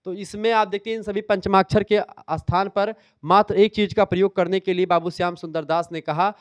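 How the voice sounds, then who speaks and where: A man's voice: sits high, steady tone, fairly quick, clear, resonant tone, no echo. A man teaching an exam revision lecture, explaining step by step, repeating key terms and quizzing his students.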